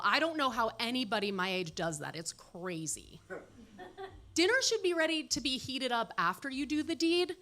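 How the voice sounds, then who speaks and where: A woman in her late thirties performs stand-up for a live comedy club audience, her punchlines dry and self-mocking. Her fairly high voice comes across pushed and bright.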